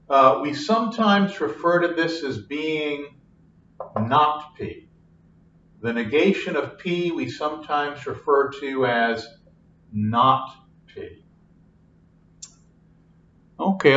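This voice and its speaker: With a fairly high, somewhat bright voice, an older math lecturer walks through a problem at the whiteboard one step at a time. He is slow and patient and repeats each point, and the recording, made from across the room, sounds echoey, distant, and dull.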